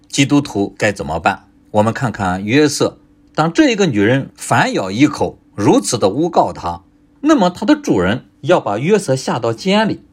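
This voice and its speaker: Husky man preaching with lively pitch. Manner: emphatic, rising and falling delivery with rhetorical questions. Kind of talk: sermon.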